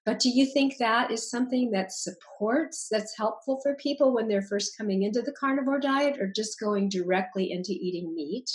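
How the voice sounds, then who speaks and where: A woman's voice: fairly high pitch, normal speed, hardly any pauses, poor audio. A woman in her sixties hosting an interview, asking long rambling strings of questions with fillers. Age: 60s. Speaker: host.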